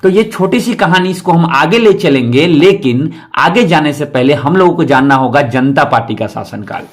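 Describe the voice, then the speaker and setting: A man's voice: a little high, animated, normal speed. A man giving an exam-prep history lecture, explaining each point twice and asking rhetorical questions. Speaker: history teacher.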